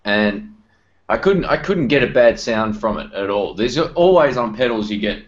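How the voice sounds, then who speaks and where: A man's voice: lowish voice, expressive, moderate pace. A man hosting a casual chat about guitar pedals over an online group call. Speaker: host of a live guitar-pedal video chat. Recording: dull, lo-fi online call audio.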